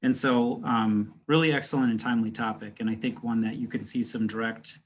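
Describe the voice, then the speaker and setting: Male instructor, mid-range voice, supportive, halting online delivery. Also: mid-range voice, fairly even intonation, slight background noise. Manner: encouraging, hesitant with many fillers. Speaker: course instructor moderating student presentations. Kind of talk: online class discussion. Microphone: video call.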